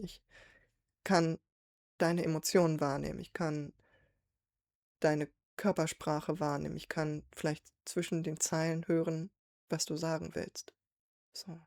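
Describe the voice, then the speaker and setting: A woman's voice: low-pitched, a little mellow, no room sound, studio quality. A woman hosting a song reaction, thinking aloud as she explains the lyrics line by line. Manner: thoughtful, reflective, with fillers. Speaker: reaction video host.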